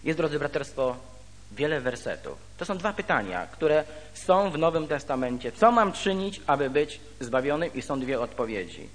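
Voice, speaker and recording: Preacher with a lively pitch in a reverberant hall. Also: male voice. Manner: reads scripture aloud, then explains it slowly with pauses. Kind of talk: sermon.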